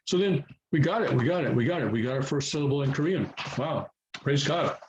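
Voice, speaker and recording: A man gives beginners an improvised, informal lesson on Korean writing in a brisk, mid-range voice. Patient and methodical, he often gropes for words and repeats things for emphasis. The recording is muffled, with slight background noise.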